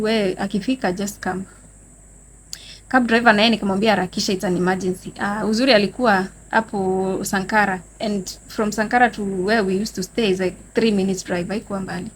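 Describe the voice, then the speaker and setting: With a medium-pitched voice and a Kenyan accent, a young Kenyan vlogger tells her viewers a dramatic story about herself, addressing them as "guys." Her delivery is animated and dramatic, and she mixes Swahili with English in this casual storytime vlog. A bit of background noise can be heard.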